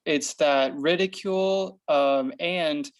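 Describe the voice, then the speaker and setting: A man who is an artist, speaking thoughtfully in a casual group discussion, halting with frequent ums. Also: a little high, no echo, poor audio. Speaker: artist guest.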